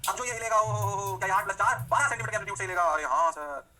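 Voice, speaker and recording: A man teaching physics in a fast revision lecture. He asks questions and answers them himself, slips English phrases into his Hindi, and adds playful "oh ho ho" sounds. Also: high voice, steady tone, sharp tone.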